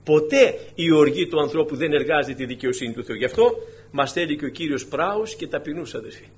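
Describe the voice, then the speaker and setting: A man with a slightly high voice preaches a sermon in a conversational, animated style. He breaks into sudden emphatic bursts and often calls his congregation dear brothers.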